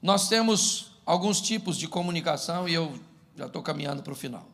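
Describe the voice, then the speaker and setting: A man's voice: a little high, normal speed. A middle-aged man preaching a humorous sermon as pastor, acting out little scenes of married life. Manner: humorous, animated, acts out domestic scenes.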